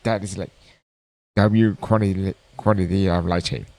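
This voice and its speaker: Low-voiced man rambling through a reaction. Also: steady tone, moderate pace, gravelly, darkish tone. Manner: rambling, lots of filler and restarts, blunt. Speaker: streamer reacting to a video. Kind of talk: casual reaction commentary.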